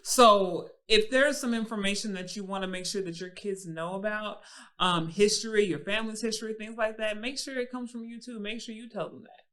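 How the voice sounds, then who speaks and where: Podcast co-host, woman in her thirties, bright, sharp voice, lively and laughing. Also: mid-range voice, fairly quick. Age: 30s. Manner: animated, laughs often, slips into playful impressions. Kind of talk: casual chat.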